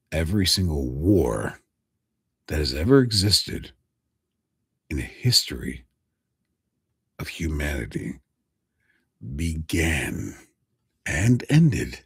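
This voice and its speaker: Man, voice actor hosting a live chat: extremely deep, husky, slow and dramatic, dry close sound. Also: fairly bright tone, no room sound. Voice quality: very deep, gravelly voice. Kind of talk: casual live-stream chat with viewers.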